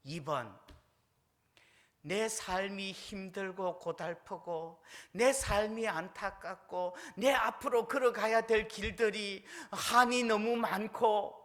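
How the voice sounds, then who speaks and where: Male pastor, high bright voice, sermon that questions the congregation. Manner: asks the congregation questions, quotes prayers with rising force. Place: church sanctuary.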